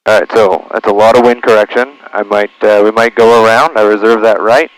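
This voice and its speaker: A man piloting a small plane records a vlog through his aviation headset, narrating procedures, making radio calls and talking himself through checklists. He speaks briskly in a steady, fairly low voice; the recording is dry and rough.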